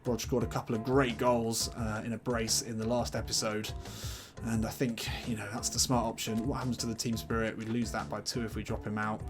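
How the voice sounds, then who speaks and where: A man's voice: on the low side, level tone, brisk. A man who makes gaming videos, giving casual commentary on a football video game, chatty and thinking aloud about his team choices. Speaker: gaming YouTuber. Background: background music.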